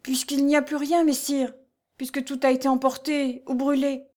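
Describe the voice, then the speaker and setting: A frightened young peasant girl who stammers and begs in a high, soft voice, as a woman reads her. She speaks in a tearful, imploring tone. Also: little pitch movement, normal speed, close to an everyday voice. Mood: tearful pleading. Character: pale, trembling young peasant girl, pleading. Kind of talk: storybook reading.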